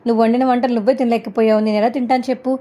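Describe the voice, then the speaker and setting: A woman's voice: a little high, flat delivery, rapid-fire, mellow, natural voice. A woman voicing a greedy young husband who whines and defends himself. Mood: whiny.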